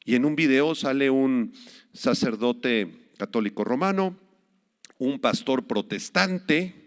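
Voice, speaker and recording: A male pastor preaching a sermon emphatically, with dramatic swings in loudness, recorded in a reverberant hall. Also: medium pitch, expressive, slow.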